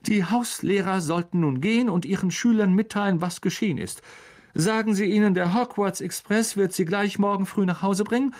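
A reader voicing a stern older female teacher, grave and clipped, slipping into a breathy whisper. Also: mid-range voice, normal speed, a little mellow, pitched above the performer's own voice, close to an everyday voice. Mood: brisk.

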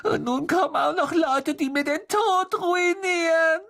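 A narrator voicing a weepy, sulky ghost girl in a very high, tearful, whining voice, as in a storybook reading. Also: unhurried, creaky, a bit bright, exaggerated voice. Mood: sobbing. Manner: whiny, self-pitying wail. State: crying.

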